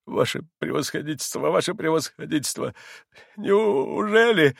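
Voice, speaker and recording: A man reading aloud and voicing a desperate, pleading poor captain with a high, breaking voice. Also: expressive, moderate pace, vocal fry, no echo, studio quality, exaggerated voice. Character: desperate poor middle-aged retired army captain.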